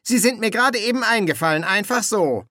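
A man's voice: sits high, animated, a little fast, pushed and bright, no echo, clean studio sound, voice pushed up. A man voicing a scruffy, timid army corporal in an audiobook, with a whiny, grumbling voice. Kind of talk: audiobook character voice.

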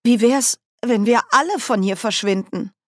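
A woman reading an audiobook, voicing an earnest, eager young witch in a brighter, higher voice. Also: normal speed, no room sound, clean studio sound, lightly acted. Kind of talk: audiobook character voice.

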